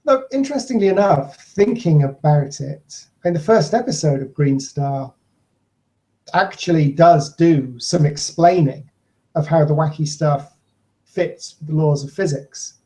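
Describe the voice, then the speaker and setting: A man co-hosting a writing podcast in casual chat. His voice is mellow and a little higher than most men's. He muses aloud and pokes fun at himself. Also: animated, unhurried. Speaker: podcast co-host.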